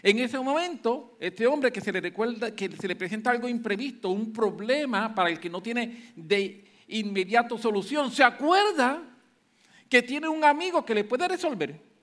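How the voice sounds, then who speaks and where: A man's voice: very high-pitched, lively intonation, moderate pace, a bit bright. A man preaching a sermon, emphatic and repeating hallelujah between points.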